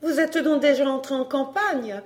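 A woman reading an audiobook, voicing a haughty, overbearing middle-aged mother with a sharp, peremptory manner. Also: high-pitched, normal speed, voice pushed up, close to an everyday voice.

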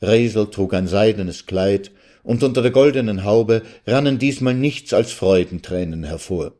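A man reading a story aloud on the radio at a measured literary pace. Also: fairly low pitch, dark tone.

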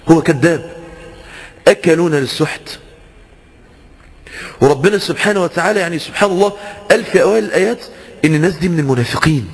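A man's voice: a little high, breathy edge, long reverb tail. A man with an Egyptian accent preaching a sermon, asking rhetorical questions and acting out the people he quotes. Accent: Egyptian Arabic. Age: young adult.

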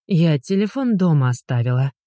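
A reader voicing a sharp-tongued, fed-up young woman who snaps and mocks, in an audiobook. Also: mid-range voice, very animated, moderate pace, no room sound, clean studio sound, natural voice. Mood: snapping. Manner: sharp, snapping, sarcastic. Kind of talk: audiobook dialogue.

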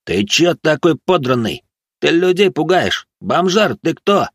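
A man reading an audiobook, voicing a rowdy, drunk young man who jeers loudly at a stranger. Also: on the high side, big pitch swings, measured pace, no room sound, studio quality, voice pushed up. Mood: jeering. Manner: jeering, brash.

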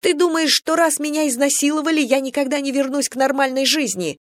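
A woman's voice: high-pitched, a little fast, no echo, voice pushed up, lightly acted. An audiobook narrator voicing a defiant, wounded young woman soldier who insists on fighting.

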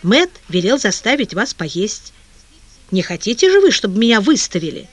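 An audiobook reader voicing a charming male sports editor who speaks softly and coaxingly. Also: mid-range voice, sing-song, moderate pace, no echo. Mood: gentle. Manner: soft-spoken and coaxing. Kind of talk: audiobook character reading.

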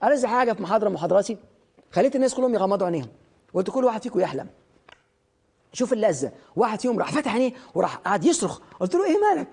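A man with an Egyptian Arabic accent delivers a motivational lecture at a rapid clip. His voice is somewhat husky, and he speaks straight to the listener with commands and questions. He drives each point home by repeating it. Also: high-pitched, animated, darkish tone.

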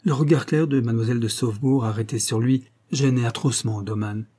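A man reading a classic novel aloud in a measured, literary way. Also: medium pitch, steady tone, warm tone, slightly rough. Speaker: audiobook narrator.

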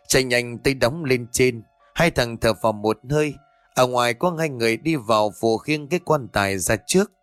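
A man telling a scripted ghost story as narrator, in a steady, dramatic way. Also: mid-range voice, dry recording.

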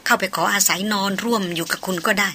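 A woman's voice: mid-range voice, quick pace, sharp tone, a little hiss or hum, close to an everyday voice. A woman reading a novel aloud, voicing a passionate, proud young upper-class heiress. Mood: tender. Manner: emotional, pleading then defiant.

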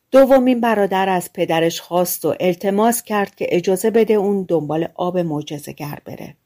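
Woman, audiobook narrator, fairy tale, measured and calm, lower-pitched voice.

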